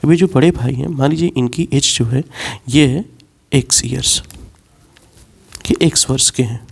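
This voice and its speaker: A man with a mid-range, creaky, husky voice teaches a class in lecture style. He explains things slowly and step by step, repeats the key points, and mixes in English words.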